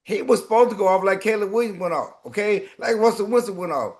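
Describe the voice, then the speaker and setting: A man's voice: high voice, animated, quick pace. A man hosting a casual sports debate, talking in an argumentative way with emphatic repetition. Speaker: sports show host.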